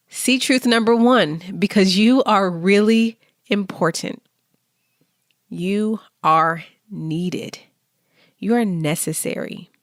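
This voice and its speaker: A woman hosting a podcast, giving a motivational monologue with slow, deliberate affirmations spoken straight to the listener. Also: medium pitch, no room sound, clean studio sound. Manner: encouraging, speaks directly to the listener. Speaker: podcast host.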